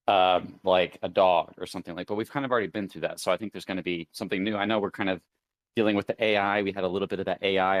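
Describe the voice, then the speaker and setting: Man, very low voice, dry close sound, casual rambling host, lots of fillers. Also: no room sound. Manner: rambling, thinks aloud with many fillers. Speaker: crypto show host. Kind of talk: casual live audio chat.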